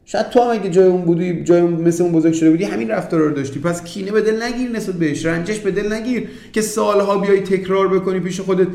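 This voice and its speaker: A man with a high-pitched voice gives a motivational relationship talk, earnest and emphatic, stacking repeated phrases and turning to the listener often. His voice rings in a roomy, echoing space. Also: creaky, few pauses, darkish tone. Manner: addresses the listener directly. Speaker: relationship coach. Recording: roomy echo.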